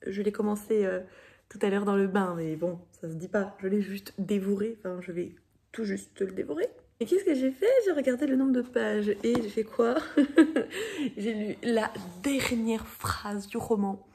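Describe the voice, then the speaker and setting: A woman's voice: medium pitch, a little slow, gravelly, warm tone. A young woman book vlogger chatting casually and dramatically, often dropping into whispers. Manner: dramatic, mock-outraged, drops to whispers. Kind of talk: casual vlog chat, half whispered.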